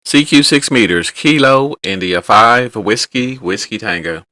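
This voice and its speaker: Over the air, this man calls CQ as a contest ham, spelling his call sign phonetically in a loud, repetitive, sing-song way. He has a medium pitch and an animated but measured pace, and the recording is dry.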